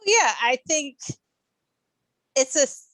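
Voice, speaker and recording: A woman co-host with a slightly high voice talks through an episode in relaxed podcast chat. She thinks aloud, pausing with ums and restarting her sentences. The sound is dry and close. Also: no room sound. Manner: thoughtful, halting with many ums and restarts. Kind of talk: casual episode review chat.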